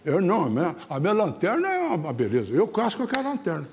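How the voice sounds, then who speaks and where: A man's voice: high voice, huge pitch swings, very fast, a little mellow, a little hiss or hum, full character voice. A man acts out a simple country hunter boasting about his lantern, in an everyday voice. His speech rises and falls a lot, and he sounds proud and matter-of-fact.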